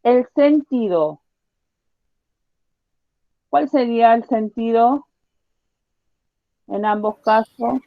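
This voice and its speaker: A woman teacher giving a science lesson to children, patiently repeating her questions and slowly spelling out each point. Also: fairly high pitch, creaky, dry recording, muffled recording. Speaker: primary school teacher.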